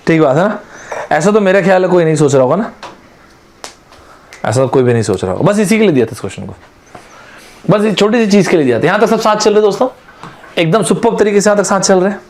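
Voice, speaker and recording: A man's voice: high-pitched, expressive, fast talker, pauses often, a little mellow. A man teaching aptitude in an online exam-prep lecture, chatty and friendly, often calling his students friends and mixing in English terms.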